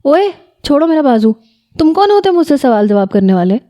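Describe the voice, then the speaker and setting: A woman reading the part of a feisty, sharp-tongued young female student in an audio novel. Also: high voice, sing-song, pitched above the performer's own voice. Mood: defiant.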